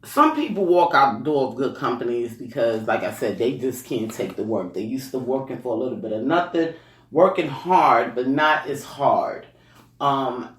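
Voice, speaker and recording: Rambling man, distant and roomy. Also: mid-range voice. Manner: rambling, with frequent "you know" and "um"; chuckles between points. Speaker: speaker sharing life advice. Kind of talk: casual motivational monologue. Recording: roomy echo, distant mic.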